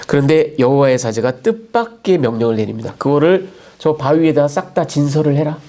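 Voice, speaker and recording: Higher-voiced pastor chatting through a sermon. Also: male voice, expressive, brisk, mellow. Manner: conversational, seeks nods with rhetorical asides.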